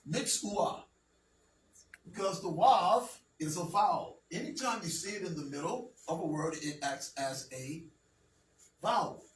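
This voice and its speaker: A man leads a classroom lesson in a high, slow, deliberate voice, pausing often to check that his students follow. He is recorded from a distance in an echoey room with a faint hum of noise behind him. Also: fairly bright tone. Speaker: teacher.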